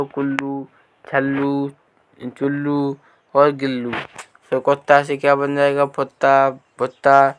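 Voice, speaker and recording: A male teacher walks through a workbook lesson at an even, unhurried pace. His voice is smooth and clear, held in a narrow, level pitch. He asks questions and repeats each answer patiently.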